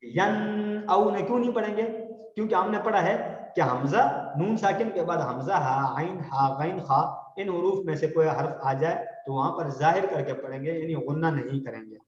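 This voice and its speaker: Man teaching tajweed in an echoey hall. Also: fairly high pitch. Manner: explains slowly, drawing out example words for students to repeat. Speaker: Quran recitation teacher. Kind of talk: tajweed lesson with call-and-response recitation. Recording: echoey hall, dull lo-fi sound.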